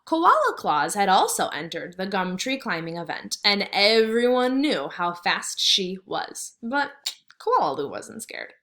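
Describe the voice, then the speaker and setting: Reading a story to a kindergarten class, a teacher speaks expressively to the children, pondering aloud and posing simple questions. She has a medium pitch and a measured pace.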